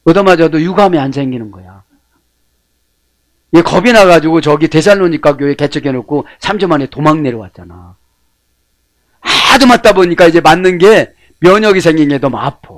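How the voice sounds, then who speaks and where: Casting: male pastor, lively swinging pitch, keeps jabbing the congregation with questions. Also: dry recording. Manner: animated, prodding listeners with rhetorical questions. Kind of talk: sermon.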